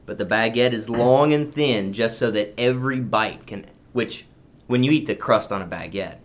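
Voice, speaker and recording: A man's voice: mid-range voice, moderate pace. A man co-hosting a podcast, chatting casually and laughing easily as he muses aloud while eating. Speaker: podcast co-host. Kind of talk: casual chat.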